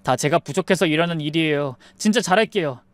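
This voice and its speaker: A woman's voice: low-pitched, quick pace, no room sound, natural voice. A woman voicing an earnest young husband. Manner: polite, pleading.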